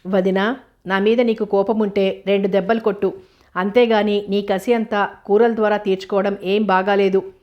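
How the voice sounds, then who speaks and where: Grumbling young man, read by a woman narrator, storybook, flat voice. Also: medium pitch, moderate pace, dull audio, close to an everyday voice.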